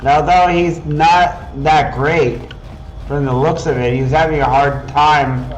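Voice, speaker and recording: A man's voice: on the high side, takes it slowly, a little hiss or hum, low-quality recording. Tired man chatting while gaming. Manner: relaxed, chatty, questioning. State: tired, yawning. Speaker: streamer playing a game. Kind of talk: casual gaming chat.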